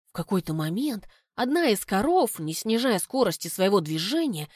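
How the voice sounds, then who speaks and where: Lively woman narrating an audiobook. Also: medium pitch, normal speed, no room sound. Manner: lively, ironic storytelling. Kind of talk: expressive first-person audiobook narration.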